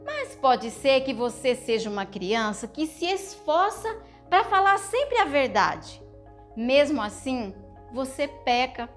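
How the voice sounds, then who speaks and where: High-voiced woman telling children's stories. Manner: speaks to children with frequent questions; gentle, teaching tone. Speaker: children's storyteller.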